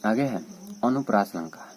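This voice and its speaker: A man's voice: on the low side, expressive, a little slow, a little hiss or hum. A man teaching a casual exam-prep lesson. He reads out definitions and verses, then explains them with lots of repetition and fillers. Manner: explains by repeating and reading out definitions, frequent fillers.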